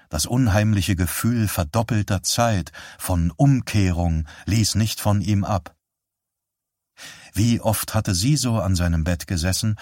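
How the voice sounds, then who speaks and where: A man narrating an audiobook in a slow, unhurried delivery with a fairly low voice. His reading is measured and solemn. The sound is dry and close. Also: darkish tone, dry recording.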